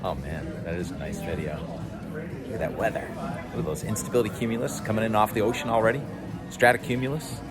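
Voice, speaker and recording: Over music, a man with a fairly low voice talks fast into a handheld phone, casually vlogging outdoors at the beach and waterside. He muses aloud on the sky and weather with short bursts of enthusiasm, and the clear recording picks up outdoor ambience and vehicle noise.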